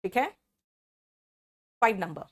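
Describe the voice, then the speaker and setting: Speaking slowly in an expressive, medium-pitched voice, a woman teacher with a Hindi accent runs an online English lesson. She explains each rule step by step and calls on students by name.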